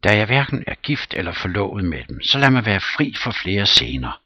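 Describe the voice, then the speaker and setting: Bellowing quarrelsome landowner, from a man reading, raised husky voice, swinging pitch, dry dull sound. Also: sing-song, no echo. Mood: blustering. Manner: loud, blustering, challenging. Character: blustering, quarrelsome middle-aged landowner.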